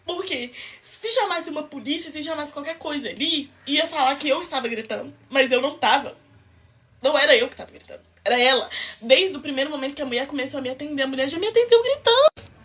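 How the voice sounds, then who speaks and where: Indignant young Brazilian woman, bright high voice. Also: quick pace. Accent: Brazilian Portuguese. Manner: emphatic, indignant retelling with oaths and asides to viewers. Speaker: storyteller in a clip. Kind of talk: emotional storytime vlog.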